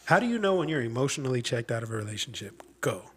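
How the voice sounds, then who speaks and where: A man's voice: mid-range voice, big pitch swings, very fast. Joking, profane man in his thirties hosting. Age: 30s. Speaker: podcast host. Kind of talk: casual chat.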